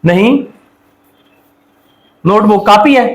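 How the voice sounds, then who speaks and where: A man with a high voice teaches a Korean language lesson, constantly asking the class questions and supplying the answers. The recording carries a roomy echo from the classroom. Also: slow pace. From Pakistan. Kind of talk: classroom lecture.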